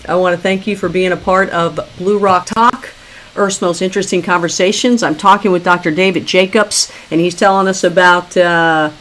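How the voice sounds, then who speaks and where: Female talk host, conversational and probing, mid pitch, close to the mic. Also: a bit bright. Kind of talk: live talk show interview.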